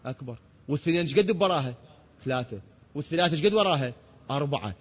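A man preaching a religious lecture, asking rhetorical questions and answering them himself, sometimes stretching words into long shouts. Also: on the high side, lively intonation, very fast, husky. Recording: dull sound with long hall reverb.

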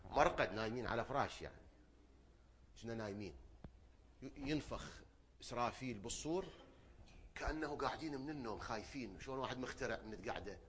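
A man preaching a sermon, asking rhetorical questions, repeating phrases and swinging between loud outbursts and low murmurs. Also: lively intonation, fast talker, long pauses, crowd noise.

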